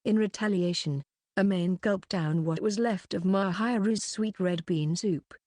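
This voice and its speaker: A woman reading a light novel aloud in an even, unhurried storytelling manner, close to the mic. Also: mid-range voice, no echo. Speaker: audiobook reader.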